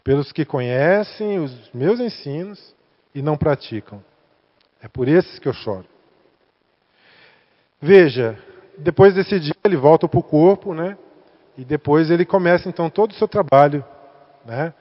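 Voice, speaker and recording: With a fairly high, expressive voice, a Brazilian Portuguese-accented man speaks a little slowly and pauses often. As a guest speaker at a spiritist center, he chats with the workers and puts questions to them. The hall's echo and dull lo-fi quality color the recording.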